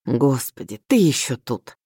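A curt, sarcastic middle-aged father, as a woman reader puts him on grumbles in a low, mellow voice. The sound is close and dry, with nothing behind it. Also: big pitch swings, a little slow, husky, dry recording, full character voice.

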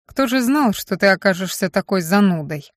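A woman's voice: medium pitch, expressive, moderate pace, dry recording, clean studio sound, natural voice. A woman reading an audiobook and voicing a fanatical, self-satisfied male mage who rants about gaining power. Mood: fanatical boasting. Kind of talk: audiobook character voice.

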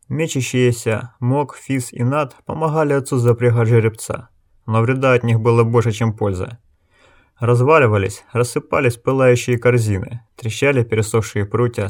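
A man's voice: medium pitch, no room sound, studio quality. A man narrating an audiobook in a tense, dramatic style. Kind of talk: scripted narration.

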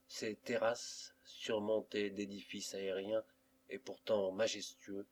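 A man with a lowish voice reads a classic novel aloud. He takes his time, unhurried and measured, letting each phrase settle. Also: a little mellow. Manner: slow, measured literary reading. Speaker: audiobook reader. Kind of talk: scripted narration of a classic novel.

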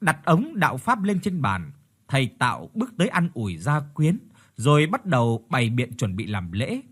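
A man narrating a ghost story in a measured, descriptive storytelling manner. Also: mid-range voice, huge pitch swings, husky.

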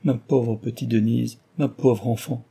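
A man voicing a sorrowful actress who speaks softly about a friend's death. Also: medium pitch, steady tone, a little slow, creaky, husky. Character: sorrowful actress, close friend of the dead mother.

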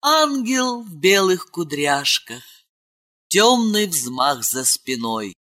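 A woman narrating an audiobook fantasy story with slow, expressive storytelling. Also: on the low side. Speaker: audiobook reader. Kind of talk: scripted narration.

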